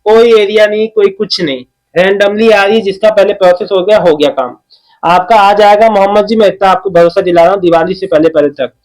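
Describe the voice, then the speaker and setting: A man with a high-pitched voice talks in a relaxed, chatty way, answering his viewers' comments one by one. He keeps reassuring them and often checks in with "okay?" as he goes. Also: brisk, poor audio. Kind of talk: casual talk reading out and replying to comments.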